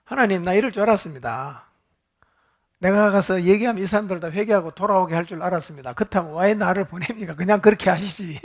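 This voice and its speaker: A man voicing the prophet Jonah as a resentful, sulky grown man, in his own fairly high voice. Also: fast. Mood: indignant.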